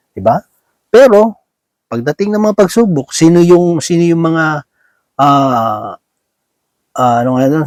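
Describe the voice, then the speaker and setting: Guy giving a chatty sermon, kinda high voice, dry close sound, keeps asking "right?" and mixes in english. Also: a little mellow, no room sound. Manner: peppers speech with tag questions to the listeners; mixes English words into Filipino speech. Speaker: lay preacher. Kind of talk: conversational sermon.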